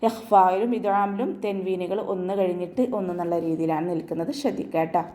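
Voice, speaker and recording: A woman's voice: fairly low pitch, steady tone, quick pace. Patient woman teaching recitation rules. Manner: patient step-by-step instruction with gentle reminders. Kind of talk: online recitation lesson.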